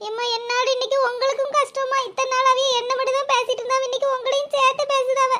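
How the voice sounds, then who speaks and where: A woman doing a squeaky tearful young village mother. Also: little pitch movement, fast, pushed and bright. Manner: pleading, self-blaming.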